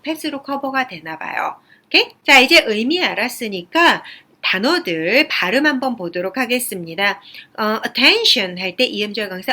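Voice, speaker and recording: Lively woman teaching English. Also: fairly high pitch. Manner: lively, switches between English reading and Korean explanation. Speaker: English speaking test tutor. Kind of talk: explaining reading passages and pronunciation.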